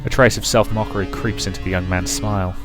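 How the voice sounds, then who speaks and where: A man reading visual novel narration aloud in a measured, dramatic way for a Let's Play. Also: low voice, fairly even intonation, over music.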